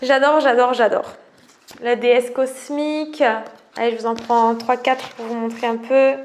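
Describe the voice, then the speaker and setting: A woman's voice: on the high side, steady tone, moderate pace, a little mellow, a little hiss or hum. A French woman, a wellness coach chatting casually to camera, enthusiastic and gushing, often laughing. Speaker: wellness coach presenting oracle cards.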